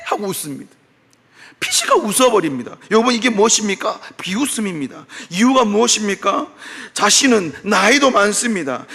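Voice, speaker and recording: A male pastor preaching a sermon in a church, telling biblical stories with animated delivery and acting out the speakers. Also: high voice, creaky. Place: church sanctuary. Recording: long church hall reverb.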